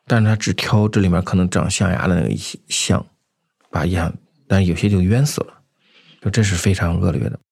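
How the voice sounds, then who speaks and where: Male interviewee, low and rough-edged, halting conversational storyteller who repeats himself, unscripted. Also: a little mellow, no echo, studio quality. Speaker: anti-poaching patroller, interview guest. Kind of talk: unscripted first-person storytelling.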